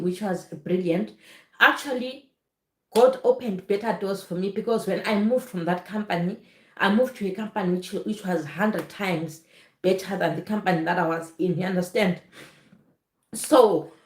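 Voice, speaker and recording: A woman talks straight to her viewers in a personal, earnest vlog, often pausing to ask if they understand. Her voice sits in a middling range. The recording has a noticeable roomy echo. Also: medium pitch. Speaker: nurse vlogger. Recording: echoey room.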